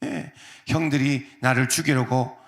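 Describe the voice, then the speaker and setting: A male pastor preaching a sermon, talking in a conversational way with many fillers and softly acting out quoted lines. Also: mid-range voice, fairly even intonation, measured pace, vocal fry. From South Korea. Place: church sanctuary. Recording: echoey church sanctuary.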